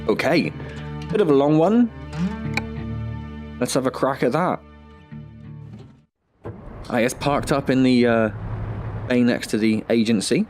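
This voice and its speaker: A man with a slight head cold hosts his own gaming channel, casually thinking aloud through a driving game in a let's-play. His mid-range voice is animated and unhurried with frequent pauses, over background music, and he's chatty with self-deprecating asides.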